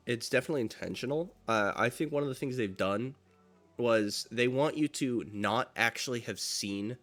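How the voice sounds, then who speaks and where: A man with a fairly low, slightly bright voice co-hosts a podcast. The talk is casual and meandering, and he keeps restarting sentences and leaning on fillers.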